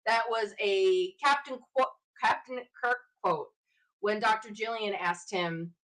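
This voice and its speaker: A woman's voice: mid-range voice, takes it slowly, a bit bright, poor audio. A woman hosting her own show, talking casually on her own and thinking aloud as she speculates in a chatty way. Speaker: show host. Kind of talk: casual solo fan commentary.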